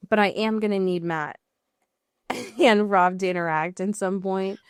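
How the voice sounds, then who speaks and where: On a laid-back TV and film recap podcast, this American co-host talks at a measured pace in a smooth, mid-range voice. She's emphatic and swears freely, frequently wandering off track and correcting herself. The studio sound is clean, without echo.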